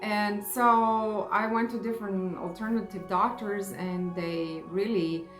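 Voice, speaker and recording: A woman from Serbia with a Serbian accent, speaking English as a second language, telling her personal story in a halting way as she searches for words. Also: medium pitch, fairly even intonation. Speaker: face yoga vlogger. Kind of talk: personal testimony vlog. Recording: echoey room with music behind.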